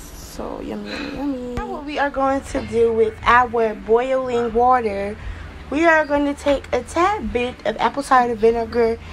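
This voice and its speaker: Young female home-cook vlogger, chatty step-by-step delivery, slightly high voice, phone mic with background hiss. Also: moderate pace, poor audio. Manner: chatty, step-by-step, repeats "we're gonna". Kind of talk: casual cooking demonstration. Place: small home kitchen.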